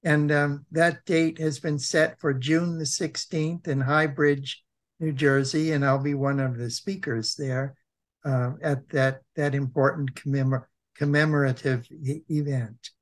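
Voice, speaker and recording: Halting American man with a sore throat. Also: a little high, steady tone. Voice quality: thick sore-throat voice with frequent throat clearing. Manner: halting, hesitant, with many pauses and repeats. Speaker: co-host of a web program. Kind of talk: informal presenting and reading aloud.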